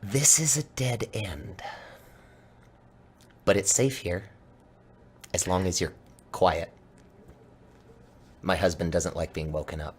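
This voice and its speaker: A man's voice: low voice, slow pace, long pauses, slightly rough, heavily acted. A man voicing a tiny, curious gnome with a frank, familiar, campy manner in a tabletop game, with music behind.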